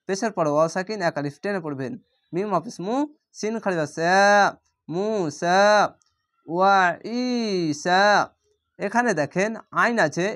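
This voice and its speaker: A man teaching Quran reading, patiently spelling out each letter and vowel mark and then drawing out the Arabic words slowly. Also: high voice. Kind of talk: spelling-out Quran recitation lesson.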